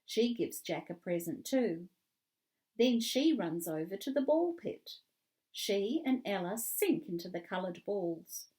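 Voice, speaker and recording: Slow, expressive woman reading a children's story. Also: mid-range voice. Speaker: reader. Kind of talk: children's book read-aloud.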